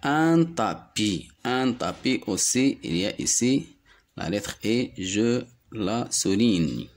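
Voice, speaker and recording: A man from Morocco with a Moroccan accent, teaching young children to read and repeating each word slowly, syllable by syllable. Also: medium pitch. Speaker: primary school teacher. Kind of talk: slow, deliberate reading lesson for young children.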